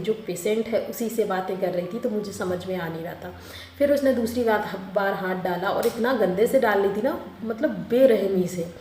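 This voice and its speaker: A young adult woman telling her own childbirth story in a casual, expressive way, correcting herself as she goes. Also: medium pitch. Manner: chatty and expressive, with self-corrections and a few laughs. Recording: roomy with faint background noise.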